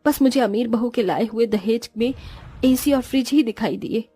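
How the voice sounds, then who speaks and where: Woman doing a stingy cartoon mother-in-law, bossy and grumbling, fairly high pitch. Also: normal speed, mellow, husky, soft background music. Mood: apologetic. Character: stingy scheming middle-aged mother-in-law.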